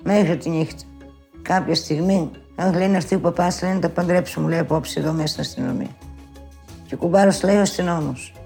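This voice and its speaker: Gravelly older woman telling a story. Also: fairly low pitch, soft background music. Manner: animated retelling, acting out quoted speech with many asides of "she says". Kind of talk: personal oral storytelling.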